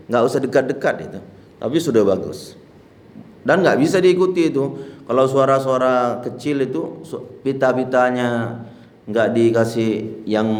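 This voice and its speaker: A man's voice: medium pitch, darkish tone, echoey room. A male Islamic teacher giving a religious lesson on prayer, explaining plainly and breaking into chanted demonstrations. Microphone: handheld mic.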